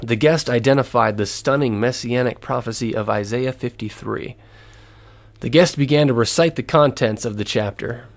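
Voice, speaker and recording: A man's voice: medium pitch, normal speed, vocal fry. Earnest man reading a prepared lesson. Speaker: lecturer. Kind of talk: scripted narration.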